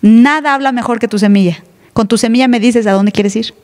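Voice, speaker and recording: A woman's voice: on the high side, fairly quick, a little mellow. A woman pastor, preaching an emphatic, teasing sermon in church. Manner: emphatic, teasing, plays other voices. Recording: live church hall reverb.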